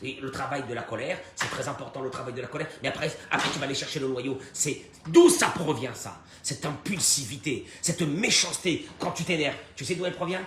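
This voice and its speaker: A man teaching a Torah lesson as a rabbi, animated, swinging from hushed to loud and acting out short dialogues. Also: mid-range voice, a little fast, hardly any pauses. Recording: echoey room with faint noise.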